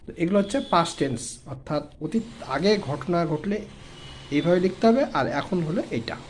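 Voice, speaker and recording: Higher-voiced man teaching English words. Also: expressive, moderate pace, a little hiss or hum. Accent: Bengali. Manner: explains word by word, repeating terms and translating. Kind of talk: online English lesson for children.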